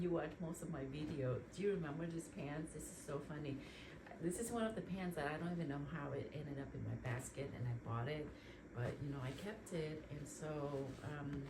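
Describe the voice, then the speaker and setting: Chatty low-voiced woman vlogger, noisy room. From Vietnam. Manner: rambling, chatty, full of ums and likes. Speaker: lifestyle vlogger. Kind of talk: casual chit-chat while decluttering. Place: home closet. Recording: noisy home recording.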